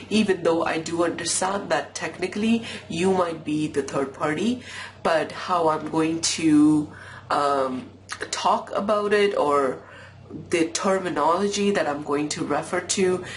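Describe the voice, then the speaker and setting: A woman with a cold does a casual pick-a-pile tarot reading, her low voice sounding nasal over slight background noise in a low-quality recording. She chats freely, apologizes, and leans on lots of fillers.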